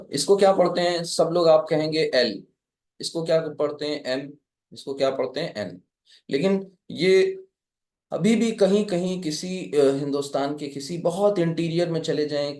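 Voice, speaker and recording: A man's voice: on the high side, darkish tone, echoey room. A man from India teaching a live Arabic class, patiently explaining step by step and quizzing his students.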